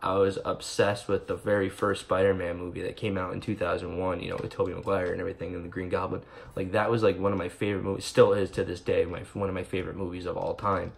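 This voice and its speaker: A young man giving a casual, rambling movie review to camera, excited and swearing often with lots of fillers. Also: sits low, fast, gravelly, few pauses.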